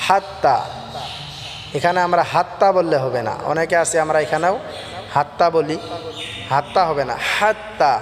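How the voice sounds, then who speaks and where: A man teaching Quran recitation, chanting verses in a slow drawn-out melody and then explaining pronunciation plainly. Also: a little high, big-room sound.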